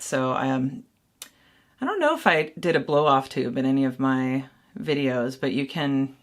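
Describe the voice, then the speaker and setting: Making mead at home, a woman casually explains each step to the viewer in a how-to vlog, rambling and thinking aloud while mocking her own mistakes. Her voice is low-pitched and a bit bright.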